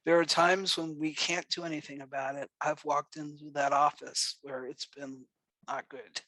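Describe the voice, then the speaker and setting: A man with a New York accent giving a gentle, encouraging dharma talk to a meditation group, speaking unhurriedly with pauses. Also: fairly high pitch, flat delivery, no echo. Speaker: meditation teacher.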